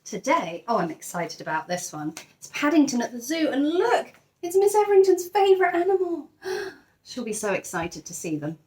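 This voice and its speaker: Very animated and high-pitched yet dark in tone, a woman teacher reads a storybook to little kids at normal speed. Her expressive read-aloud includes conversational remarks aimed at the children.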